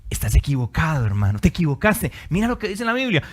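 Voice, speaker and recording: A man's voice: on the high side, sing-song, fast talker. A male preacher delivering a sermon, emphatic and repetitive, asking rhetorical questions and answering them himself. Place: his office.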